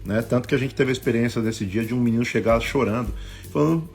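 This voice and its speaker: A man with a Brazilian Portuguese accent, a bishop preaching a sermon on a live stream, telling stories and acting out the voices in them, swinging between loud bursts and hushed asides. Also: mid-range voice, fairly even intonation, fast, soft background music. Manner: acts out quoted voices in his stories.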